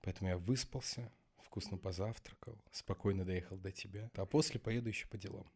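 A man's voice: sits low, steady tone, brisk, a little mellow, breathy edge. A man with a slushy lisp, his s sounds leaning toward sh, chatting casually as the guest in a podcast interview. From Belarus. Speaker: guest, actor and acting teacher.

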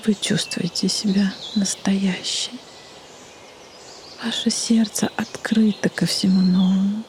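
A woman leading a guided meditation in a soft, breathy half-whisper, with soothing delivery and long pauses. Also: medium pitch, little pitch movement. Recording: faint background noise, birdsong ambience. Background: birdsong and nature ambience.

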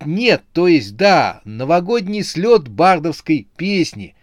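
A man voicing a nervous bearded man who stumbles slowly through excuses in a storybook. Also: fairly high pitch, sing-song, no room sound, studio quality, voice pushed up. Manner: hesitant, slow, stumbling.

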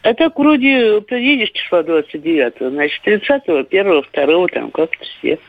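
A woman's voice: on the low side, animated, brisk, dry recording. Older woman caller over a tinny phone line. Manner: chatty, reminiscing. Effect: caller heard over a phone line on the radio. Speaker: radio caller. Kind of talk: call-in story.

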